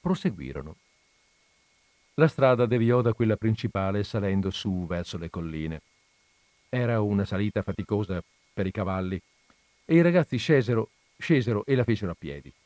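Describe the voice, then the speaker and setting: A man's voice: on the low side, darkish tone, no room sound. A man reading a short story aloud, with chatty asides before he starts the reading. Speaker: reader of short stories. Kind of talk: reading literary fiction aloud.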